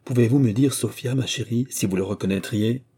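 A man's voice: medium pitch, a little fast, warm tone, breathy edge. A man reading as a gracious old baronet. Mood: genial. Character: generous wealthy older gentleman baronet.

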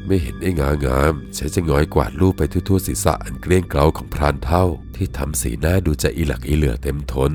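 A man with an extremely low, deep voice reads a first-person ghost story in a measured, solemn manner. Faint music plays softly behind him.

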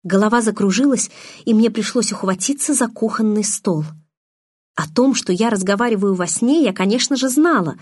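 A woman narrating a novel in the first person, in an even, measured storytelling manner. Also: medium pitch, slightly rough, dry recording, clean studio sound. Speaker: audiobook narrator.

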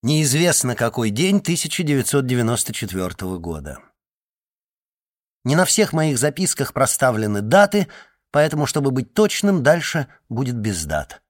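A man reading a first-person story aloud in a measured, expressive way. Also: medium pitch, no room sound, studio quality. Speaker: narrator. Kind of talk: audiobook narration.

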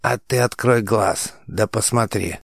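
A man voicing a gruff, domineering old woman healer with a croaking, raspy voice, reading for an audiobook. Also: fairly low pitch, unhurried, no echo, clean studio sound, exaggerated voice. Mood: wry.

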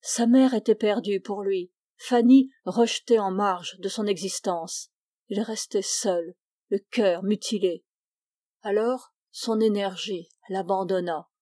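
Femme, lecture de roman mesurée et expressive, timbre chaud, son sec de studio. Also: female voice, mid-range voice, no echo. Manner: measured, expressive. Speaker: audiobook reader. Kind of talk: literary audiobook narration.

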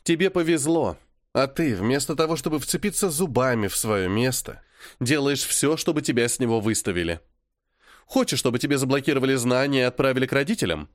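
A man voicing a calm, stern young woman who lectures her sister sharply. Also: medium pitch, fairly quick, no echo, studio quality, natural voice.

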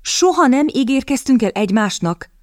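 A woman's voice: mid-range voice, animated, darkish tone, dry recording, clean studio sound, natural voice. A woman reading the part of a proud young lady who speaks sharply and with cutting sarcasm. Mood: indignant. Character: young woman, proud, quick-witted, indignant.

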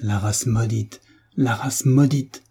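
A man's voice: normal speed, dark tone, breathy edge. A man voicing a proud, bitter old peasant father who flies into rage at his son. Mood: despairing. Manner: raging outbursts, then low and broken.

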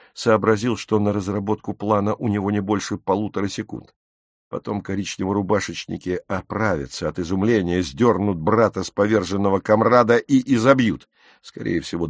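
Gravelly man reading an audiobook. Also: lowish voice, dry recording. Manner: dramatic, expressive reading. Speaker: audiobook narrator. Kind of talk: audiobook narration.

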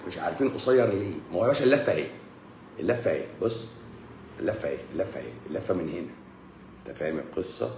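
An Egyptian-accented man gives a joking live talk, mixing medical explanation with playful asides. He speaks quickly. The sound is roomy and echoing, with faint room ambience underneath. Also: medium pitch, a little mellow, slight background noise. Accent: Egyptian Arabic. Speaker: doctor giving a talk.

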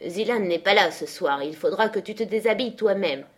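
Harsh, commanding jailer from a storybook reading, slow and loud, put on by a woman narrator. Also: medium pitch, natural voice. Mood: gruff commanding. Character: harsh scheming middle-aged man, cold jailer.

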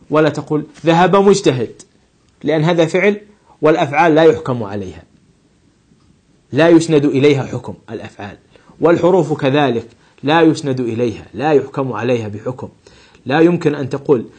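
A man with a somewhat high, husky voice teaches a grammar class. He works slowly through example words, repeats each one, and poses questions that he answers himself. His delivery is patient and methodical. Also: a little mellow.

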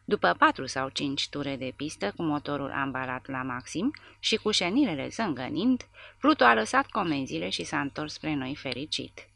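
A woman narrating an audiobook of a war novel in a steady storytelling manner. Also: low-pitched, creaky, no room sound.

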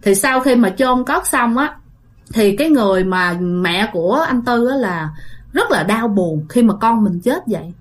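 A woman's voice: fairly high pitch, animated, a little slow. Chatty woman storyteller. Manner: chatty, addresses listeners directly, many fillers. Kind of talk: casual spoken ghost story narration.

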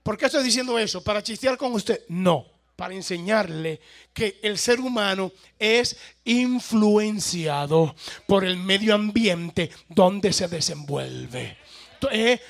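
High, bright Salvadoran preacher man. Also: vocal fry. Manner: questions the congregation and calls out amens. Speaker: pastor. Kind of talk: sermon.

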